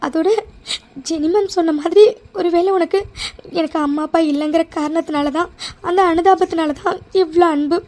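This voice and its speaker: Cartoon role: flustered young woman, very high voice, pleading , played by a woman. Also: fairly even intonation, normal speed, a little mellow. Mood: troubled. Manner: pleading, anxious, repeats words. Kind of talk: cartoon voice acting.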